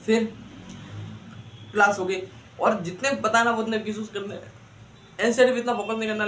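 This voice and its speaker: A man's voice: high-pitched, fairly bright tone, echoey room, a little hiss or hum. A man giving students exam study advice, asking rhetorical questions and coaxing them. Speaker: exam coach.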